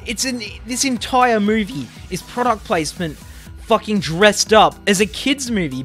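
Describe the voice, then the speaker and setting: A man's voice: sits high, a bit bright. A young Australian man ranting casually about bad movies, sarcastic and exasperated, swearing often. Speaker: movie reviewer.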